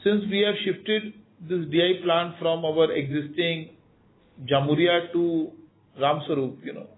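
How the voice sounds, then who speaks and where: An Indian-accented company executive answers analysts on an earnings call conducted over a phone line, speaking emphatically, repeating words and saying "you know" a lot. He sounds unhurried, with a fairly high pitch and fairly even intonation, and the audio is narrow and tinny.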